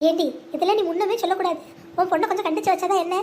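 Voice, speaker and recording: A high-voiced performer voicing a stern older male village headman who lectures and scolds. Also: fairly even intonation, rapid-fire, a little mellow, slight background noise.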